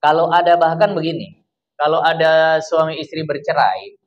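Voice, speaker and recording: A man's voice: normal speed, lo-fi sound. A man from Indonesia with a Medan accent, giving a chatty, informal religious lecture to a congregation. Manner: chatty, acts out quoted spouses in a lowered voice. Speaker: religious teacher. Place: study gathering hall.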